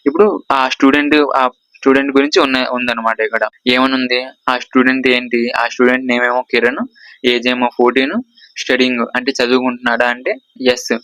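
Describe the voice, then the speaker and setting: A man's voice: medium pitch, a bit bright, dry recording, rough recording. A man with a Telugu accent teaching a screen-share coding lesson. He explains by pointing at parts of the screen, repeats himself and keeps checking that his students follow. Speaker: course instructor.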